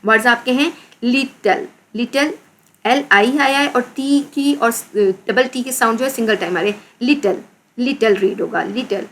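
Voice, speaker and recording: A woman's voice: on the high side, normal speed, a bit bright, slight background noise. A woman teacher with a Pakistani accent explaining an English lesson in Urdu, repeating words and spelling them out letter by letter.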